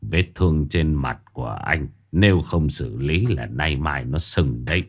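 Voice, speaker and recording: A man voicing an old male master exorcist who speaks slowly and gravely. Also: lively intonation, heavily acted. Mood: gentle. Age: older. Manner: slow, low, grave.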